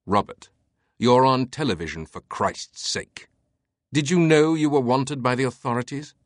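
In a clean studio recording with no echo, a man lightly acts the part of an aristocratic older male Grail scholar, sounding clipped and indignant. He pitches the character above his own medium voice, with lively intonation and a moderate pace.

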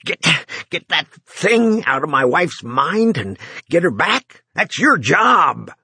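A man voicing a frantic, short-tempered businessman who speaks hoarsely and out of breath. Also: a little high, huge pitch swings, normal speed, pushed and bright, no room sound, pitched above the performer's own voice, exaggerated voice. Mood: frantic, angry.

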